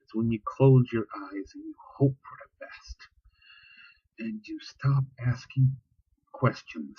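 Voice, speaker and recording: A man's voice: medium pitch, big pitch swings, slow pace, vocal fry, husky, no room sound, lo-fi sound. A man ranting bluntly and profanely in a casual vlog, talking about religion with heat. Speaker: vlogger. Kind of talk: casual spoken rant.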